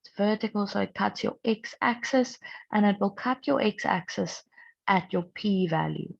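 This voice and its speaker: A young woman maths teacher who is sick and strained, patiently explaining a recorded lesson and clearing her throat often. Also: mid-range voice, normal speed. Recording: dull lo-fi recording.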